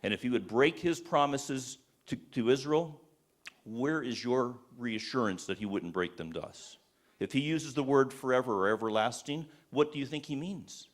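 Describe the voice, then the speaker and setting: At a church event, a man delivers an impassioned, sermon-style talk to a live audience, firing off rhetorical questions and often restarting his sentences. His voice is mid-range at a moderate pace.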